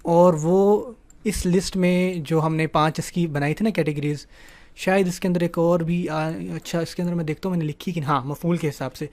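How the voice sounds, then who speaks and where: Male teacher, higher voice, patient online grammar explainer who slips English terms into his talk. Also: fairly even intonation, a little mellow. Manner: explanatory, asks "ٹھیک ہے نا" often; mixes English words into the talk.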